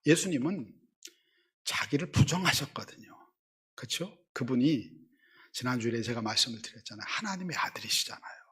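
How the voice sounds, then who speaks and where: A middle-aged man preaches with a husky, slightly breathy voice at a medium pitch. He tells his story to the congregation, acting out the people in it, and swings from loud, stressed words to hushed asides. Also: expressive, moderate pace. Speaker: senior pastor. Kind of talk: sermon.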